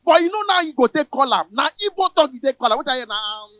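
A man with a Nigerian accent doing stand-up comedy in Pidgin and English on a cinema stage. He talks loud and punchy, shouts his punchlines and slips into the voices of the people in his stories. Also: extremely high pitch, lively intonation, fast, noisy background. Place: cinema hall stage with a live audience. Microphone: handheld mic. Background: audience laughter.

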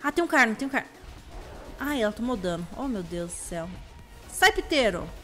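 Excitable Brazilian woman gamer, high voice. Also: normal speed, faint music behind. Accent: Brazilian Portuguese. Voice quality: slightly hoarse. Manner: chatty, excitable, bursts into high shrieks. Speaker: gameplay video host. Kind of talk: casual let's-play commentary.

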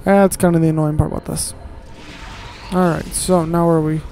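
A man's voice: fairly high pitch, little pitch movement, moderate pace, warm tone, soft background music, rough recording. A man giving casual, grumbling let's-play commentary while he plays, with sarcastic asides and casual swearing.

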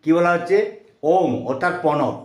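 A man teaching mantras, chanting them slowly and then explaining their meaning word by word. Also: on the high side, echoey room. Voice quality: slow drawn-out chanting alternating with quick explanation.

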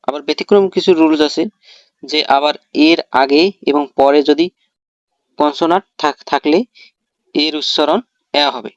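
A man's voice: fairly high pitch, dry recording, muffled recording. A man giving a pronunciation lesson, explaining rules step by step and putting questions to himself and then answering them. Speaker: English teacher. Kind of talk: spoken English pronunciation lesson.

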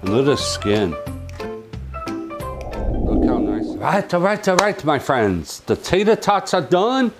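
Man, slow unhurried delivery, lively swooping pitch, music underneath. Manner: exuberant, chatty, calls viewers "my friends" and "baby". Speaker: cooking appliance reviewer. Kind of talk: casual cooking review.

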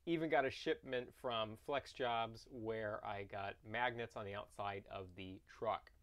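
A man's voice: fairly low pitch, fairly even intonation, unhurried, a bit bright. Man vlogging casually inside a small camper. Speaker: vlog host. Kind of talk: casual vlog talk to camera.

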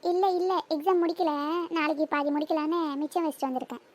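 A woman voicing a chatty schoolgirl in a cartoon, quick and teasing. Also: high-pitched, darkish tone, highs cut off, close to an everyday voice. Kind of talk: cartoon voice acting.

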